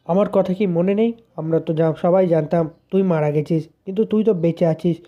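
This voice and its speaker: A narrator reading the lines of a grief-stricken father who pleads haltingly with his son. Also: medium pitch, steady tone, highs cut off, natural voice. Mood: pleading.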